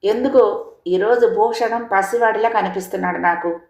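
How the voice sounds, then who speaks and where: A woman reading as a gentle grieving village mother. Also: mid-range voice, moderate pace, close to an everyday voice. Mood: consoling. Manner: gentle, consoling rural speech. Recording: echoey room.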